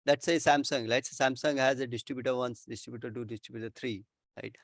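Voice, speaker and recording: A man's voice: mid-range voice, steady tone, fast talker, a bit bright, dry recording, clean studio sound. A man with an Indian accent explaining things informally as an expert answering questions, often repeating himself and checking with "right?". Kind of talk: informal explanatory Q&A with worked examples.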